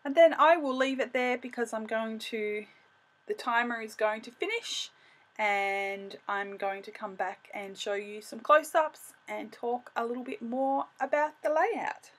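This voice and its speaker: Woman, middle-aged, slightly high voice, hosting a casual scrapbooking video; talks through each step and corrects herself. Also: measured pace. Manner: thinks aloud, self-correcting. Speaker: craft video host. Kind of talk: casual scrapbooking process narration.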